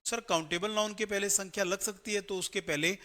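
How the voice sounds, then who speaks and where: A male grammar teacher giving a step-by-step classroom lecture for exam students, often checking in with a quick "right?". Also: high voice, steady tone, bright, forceful tone.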